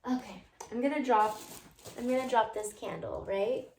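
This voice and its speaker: A woman's voice: a little high, steady tone, moderate pace, a little mellow, a little hiss or hum. A woman vlogging casually at home, answering viewer questions in a chatty, playful way with loose tangents and asides. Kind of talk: casual chat.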